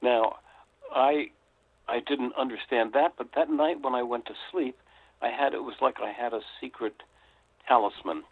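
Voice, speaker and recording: An older American man tells his story in a reflective, unhurried way, often pausing on an "uh". His voice sits at an ordinary pitch and comes through thin and tinny, as if on a phone call. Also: breathy edge, dry recording. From United States. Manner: reflective, with frequent "uh" hesitations. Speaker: author and guest. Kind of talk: storytelling interview.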